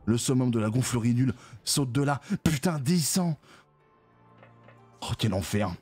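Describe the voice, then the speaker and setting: A man's voice: medium pitch, lively intonation, measured pace, darkish tone, breathy edge, faint music behind. A man giving frustrated gameplay commentary, groaning and swearing as he complains. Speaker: let's play gamer.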